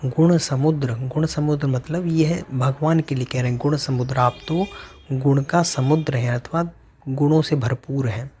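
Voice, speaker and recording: A man who recites sacred verses slowly and then explains them word by word, as a religious teacher giving a lesson. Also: mid-range voice, steady tone, a little mellow, slight background noise.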